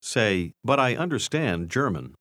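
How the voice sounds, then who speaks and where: A man narrating a language course, giving clear scripted prompts to listen and repeat. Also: lowish voice, very animated, a little slow, a bit bright, no echo, studio quality. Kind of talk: scripted instruction.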